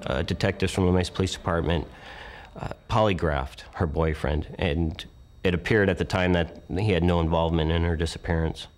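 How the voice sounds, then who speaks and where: Cop guy laying out the facts, super deep voice, plain delivery. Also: fairly even intonation, a little fast, faint music behind. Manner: matter-of-fact, factual. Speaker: police detective. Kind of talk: interview.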